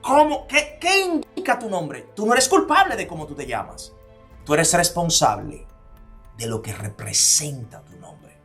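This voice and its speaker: A man's voice: a little high, very animated, measured pace, fairly bright tone, soft background music. A man from the Dominican Republic with a Dominican accent, giving a motivational talk. He fires off repeated rhetorical questions and drops to near-whispers for emphasis. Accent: Dominican Spanish. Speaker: motivational speaker.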